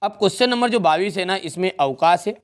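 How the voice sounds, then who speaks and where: A man's voice: high-pitched, lively intonation, fairly quick, smooth. A young man teaching an exam revision lesson, explaining step by step in a friendly way and often checking in with his students.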